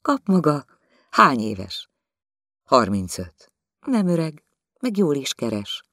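Audiobook figure: gentle, frightened young housemaid, read by a man, high and hushed, dry recording. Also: wildly swooping pitch, no room sound, heavily acted. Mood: timid. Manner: soft, timid questions, turning to a high frightened whisper. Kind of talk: audiobook dialogue.

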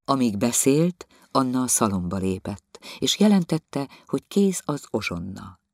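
A man reading literary prose aloud as an audiobook narrator, measured and expressive. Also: medium pitch, dry recording, studio quality.

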